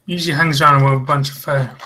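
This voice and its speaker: Male tabletop player: bright, flat, matter-of-fact in-character talk. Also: a little high, fast. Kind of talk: playing a character in a tabletop game.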